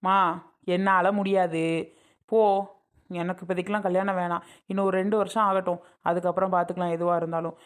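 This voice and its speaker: A woman's voice: lowish voice, level tone, fast, long pauses, natural voice. A woman playing a stubborn young woman who argues back and refuses to marry. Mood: defiant. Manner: defiant, arguing back. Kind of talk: family skit acting.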